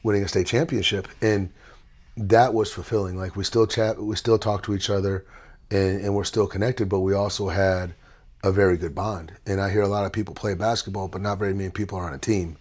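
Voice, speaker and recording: A man with a fairly low voice hosts a relaxed podcast interview. He talks in a chatty, storytelling way and turns playful now and then. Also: fairly quick. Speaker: podcast host. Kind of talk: casual interview.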